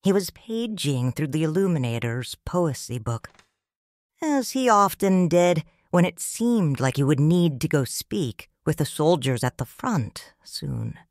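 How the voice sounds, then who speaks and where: A middle-aged woman narrates a scripted first-person audiobook as a grieving widow and mother. Her low voice is expressive, rising and falling widely, and she reads slowly, softly and tenderly, in a reflective manner. The recording is dry and close, with no room sound.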